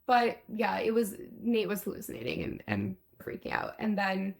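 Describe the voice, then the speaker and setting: A woman's voice: mid-range voice, moderate pace, creaky, a little mellow. A woman co-hosting a podcast, casually recapping a TV episode and acting out the characters' lines. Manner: recounts scenes, acts out quotes, swears casually. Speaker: podcast co-host.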